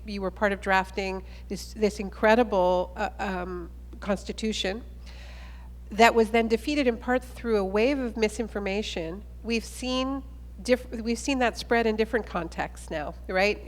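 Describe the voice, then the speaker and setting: A woman moderating a conference panel, asking long, thoughtful questions. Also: medium pitch. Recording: reverberant conference hall.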